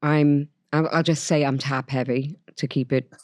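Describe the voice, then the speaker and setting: A woman's voice: low-pitched, fairly even intonation, normal speed, a little mellow, no echo. A woman with a thick New York accent co-hosting a casual interview podcast, chatty and bubbly, often jumping in over her guest. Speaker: podcast co-host.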